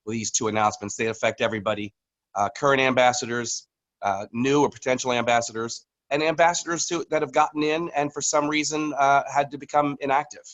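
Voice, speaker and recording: A man's voice: medium pitch, steady tone, brisk, a bit bright, poor audio. Rambling man on a video call. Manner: casual, rambling with many fillers and restarts. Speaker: company communications executive. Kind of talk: business update on a video call.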